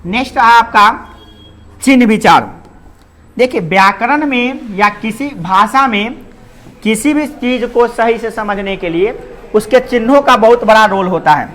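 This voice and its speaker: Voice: mid-range voice, a little slow, a bit bright. An adult Hindi grammar teacher giving a classroom-style lecture. They pose questions and answer them, and mix English words into the explanations.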